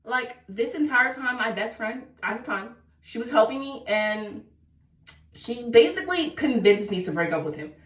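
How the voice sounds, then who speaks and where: A woman's voice: on the high side, lively intonation, normal speed, fairly bright tone, far from the mic. A young woman telling a dramatic, slangy storytime while getting ready at home. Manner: chatty, dramatic, slangy, breaks into sing-song bits. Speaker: vlogger. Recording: roomy echo, voice a bit off-mic.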